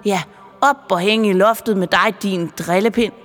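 A woman voicing a sly male Christmas elf who teaches mischief, gleeful and cackling, drawn out and slow. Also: mid-range voice, fairly even intonation, lightly acted. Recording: long reverb with music behind.

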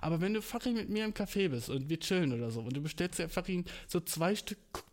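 A man's voice: high voice, expressive, quick pace. A young man ranting in a casual, comedic way, full of slang, English words and swearing, with playfully exaggerated outrage.

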